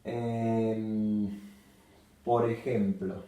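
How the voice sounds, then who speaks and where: Slow, deliberate man teaching in an echoey room. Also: fairly low pitch, level tone, mellow, distant mic. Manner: slow and deliberate, repeats each example word. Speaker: Spanish teacher. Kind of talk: slow whiteboard grammar lesson.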